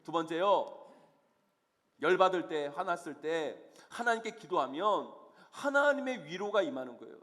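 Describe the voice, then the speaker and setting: Male pastor, high voice, earnest sermon, church hall reverb. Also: very animated, moderate pace, a bit bright. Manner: earnest, emphatic preaching with rhetorical questions. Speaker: senior pastor. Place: church sanctuary.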